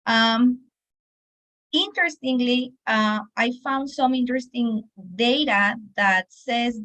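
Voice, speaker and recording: A woman with a Mexican accent and Spanish as her first language gives an academic presentation as a teacher, explaining in a halting way with frequent pauses. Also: a little high, fairly bright tone, poor audio.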